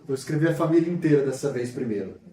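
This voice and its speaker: A man's voice: mid-range voice, animated, quick pace, warm tone, recorded from a distance. A man with a Brazilian accent teaching a literacy lesson, patiently sounding out syllables one by one. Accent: Brazilian Portuguese. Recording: echoey room, voice off-mic.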